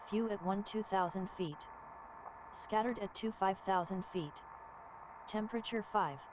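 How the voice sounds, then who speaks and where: Woman's voice on an airport weather broadcast. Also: medium pitch. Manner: clipped, measured reading of numbers and codes. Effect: automated airport weather broadcast over aircraft radio. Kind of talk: recorded terminal information broadcast. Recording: muffled radio audio with loud hiss.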